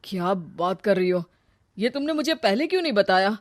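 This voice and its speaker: A woman voicing a smooth-talking young male suitor in a story, brisk and insistent. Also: mid-range voice, expressive, heavy background noise, lightly acted. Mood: concerned, insistent.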